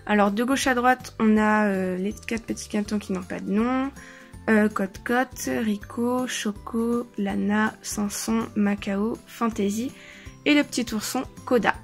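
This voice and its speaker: A woman's voice: medium pitch, measured pace, faint music behind. A woman vlogger in an indoor room, chatting casually as she lists her collection, with frequent hesitations. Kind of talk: casual show-and-tell. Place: indoor room shared with siblings.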